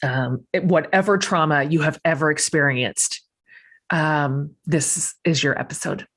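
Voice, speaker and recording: A middle-aged woman hosts a podcast in an effusive, gushing way, often restarting sentences and padding them with fillers. Her voice sits a little low for a woman. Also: unhurried, a bit bright. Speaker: podcast host. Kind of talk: warm podcast introduction and interview.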